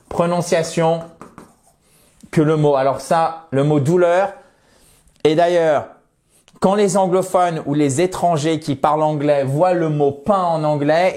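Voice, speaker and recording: A man whose first language is French teaching English expressions, friendly and explanatory, slowing down to model English pronunciation. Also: fairly high pitch, darkish tone.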